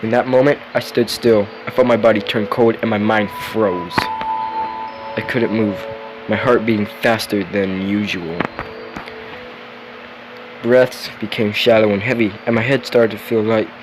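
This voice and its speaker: A man's voice: lowish voice, fairly even intonation, moderate pace, over music, rough recording. A tired young man reading a spooky story aloud, yawning, with chatty asides and the odd curse. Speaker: story reader.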